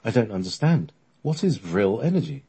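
Shy, nervous colonel engineer, husky, lively, man reading. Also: on the low side, normal speed, full character voice. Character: military chief design engineer colonel, nervous.

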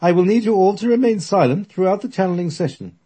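Here is a commanding elderly woman medium in a spoken story. She calls out in a loud, high, drawn-out voice, as a man puts her on. The tone is husky and mellow. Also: animated.

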